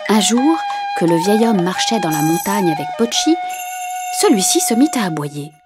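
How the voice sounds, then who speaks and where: A woman narrating a fairy tale in a calm, measured voice that sometimes drops to a hushed whisper. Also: medium pitch. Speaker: storyteller. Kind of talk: storybook narration. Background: faint music.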